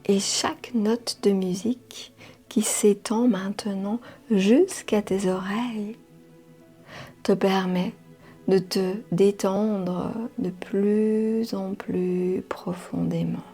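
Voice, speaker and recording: A woman leading a guided meditation in a soft, half-whispered voice, soothing, with drawn-out phrases and long pauses. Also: medium pitch, fairly even intonation. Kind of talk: slow guided hypnotic meditation. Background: music.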